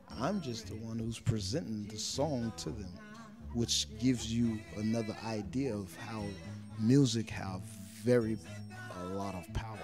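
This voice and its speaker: A low-pitched man in his thirties, born and raised in Israel, talks earnestly about his life as a street singer. He gropes for words and circles back over phrases. He speaks into a handheld mic held close in a small living room. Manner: earnest, searching for words, repeats himself. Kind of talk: interview answers. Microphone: handheld interviewer mic.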